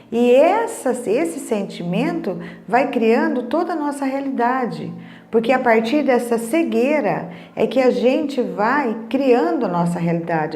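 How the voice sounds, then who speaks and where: A Brazilian woman with a mellow, mid-range voice speaks in an echoey room, offering casual teaching as an emotional wellness speaker. Her Brazilian Portuguese is conversational, sprinkled with tag questions, and she retells dialogue.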